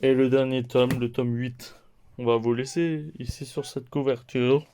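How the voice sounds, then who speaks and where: A man slowly walks through his weekly manga haul in a relaxed vlog, listing volumes one at a time. His voice sits at an ordinary pitch, and his pace is unhurried. He jokes about his own slip-ups as he goes. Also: slight background noise. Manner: slow, listing titles one by one; playful, laughs at own mistakes. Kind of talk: casual haul video chat.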